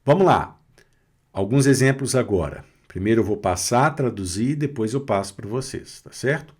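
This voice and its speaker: A man's voice: medium pitch, expressive, breathy edge. A Brazilian man from Minas Gerais teaching French pronunciation in an online lesson, patiently spelling out sounds with frequent "né?" checks and playful jokes. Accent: Brazilian Portuguese, Minas Gerais. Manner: patient, drawn-out explanations with frequent "né?" and "tá certo?"; playful, joking asides.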